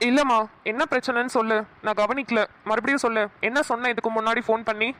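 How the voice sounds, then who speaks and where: A woman's voice: fairly high pitch, steady tone, quick pace, a bit bright, close to an everyday voice. A woman voicing an irritated young man on a phone call in a cartoon. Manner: irritated, exasperated. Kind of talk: cartoon voice acting.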